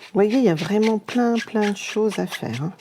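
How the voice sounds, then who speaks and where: A woman's voice: medium pitch, normal speed, noisy background. A woman with a Marne French accent hosting a live craft demonstration, talking straight to her viewers in a chatty way. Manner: chatty, often talks straight to the viewers with "regardez" and "hein". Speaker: craft tutorial host.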